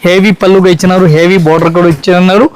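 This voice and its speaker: Male saree salesman, high pitch, very fast, repetitive patter. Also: little pitch movement, a little mellow, clear, resonant tone, rough recording. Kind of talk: product showcase pitch.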